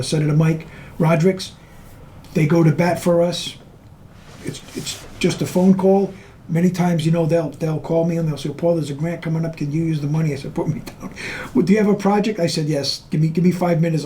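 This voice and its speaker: A man with a fairly high but mellow voice answers interview questions for a water board. He explains in a deliberate, earnest way. A faint hiss of ambient noise sits behind him. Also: rough recording. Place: on a tour of the water department.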